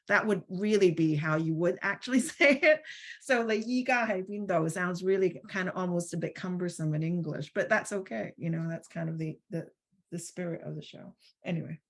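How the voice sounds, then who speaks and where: Heard through a video call, a woman on an online panel discussion speaks in a lowish voice at a moderate pace. She's a roundtable speaker who comes across as searching and thoughtful, often restarting and using fillers.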